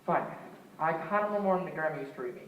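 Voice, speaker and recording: A young man playing a worn-out dad who just wants his kids asleep, exasperated and pleading. It is heard from far back in an echoey school auditorium, with steady background noise. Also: fairly high pitch, rapid-fire, highs cut off, lightly acted. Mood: weary. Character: weary young dad putting kids to bed. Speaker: stage actor. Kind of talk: school stage play. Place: school stage.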